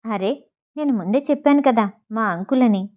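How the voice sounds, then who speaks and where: A man's voice: very high voice, fairly quick, a little mellow, dull audio. Woman reading as a teasing young man. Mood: exasperated. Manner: teasing, exasperated. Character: playful young man, teasing, easily shocked.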